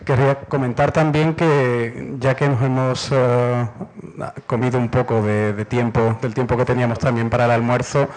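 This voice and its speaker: A man's voice: mid-range voice, flat delivery, normal speed, a little mellow, rough recording. A man making a practical, polite announcement as a conference organiser, hesitating between phrases.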